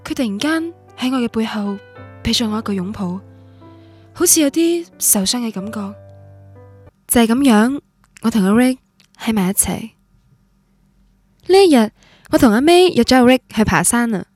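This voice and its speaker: In a wistful radio drama, an actress with a Cantonese (Guangdong) accent portrays a stubborn, romantic young woman narrating her love story in introspective first person, with dialogue. Her fairly high, animated voice is a little mellow and slightly rough, moving at a moderate pace with long pauses over soft background music.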